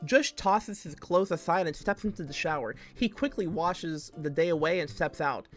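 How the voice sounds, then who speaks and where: A man's voice: a little high, normal speed, a bit bright, faint music behind. A man streaming himself as he reads fan fiction aloud, breaking off for joking asides and laughing often.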